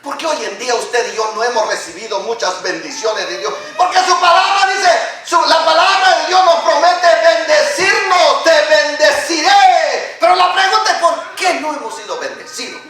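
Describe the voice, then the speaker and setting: High-pitched shouting preacher in echoey church. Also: male voice, animated, normal speed, few pauses, faint music behind. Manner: preaches with sudden shouts and hushed asides, mimics other people. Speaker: pastor. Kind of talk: sermon. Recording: echoey hall, mic far off.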